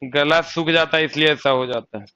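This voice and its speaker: A man's voice: fairly high pitch, moderate pace, bright, forceful tone, clean tone, dull audio. A young man teaching a coaching class, chatty, often asking his students rhetorical questions and slipping into local dialect. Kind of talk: live online exam-coaching lecture.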